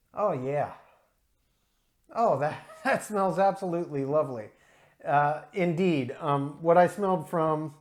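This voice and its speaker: A man hosting a casual video beer review, talking in a chatty, explanatory way with frequent ums and uhs. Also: on the high side. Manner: careful with pronunciation, drawn out.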